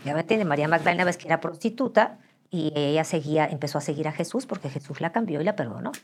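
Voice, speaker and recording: A woman's voice: deep voice, fast talker, a little hiss or hum. An older woman with a Mexican accent, telling candid, joking stories as an interview guest and acting out the voices. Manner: animated and joking, acts out voices. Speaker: interview guest, pastor's wife.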